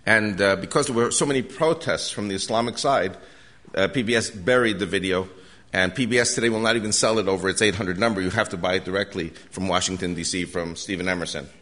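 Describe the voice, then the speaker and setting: An older man from the United States gives an urgent, earnest lecture to a live audience as a guest lecturer, often restarting his sentences. His voice is deep with a fairly bright tone, and he talks fast.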